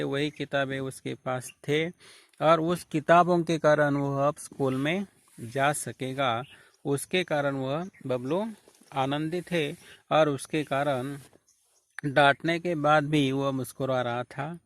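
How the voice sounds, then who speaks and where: A male teacher slowly explaining a story line by line, paraphrasing idioms and clearing his throat often. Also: a little high, no echo. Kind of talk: classroom lecture explaining a story.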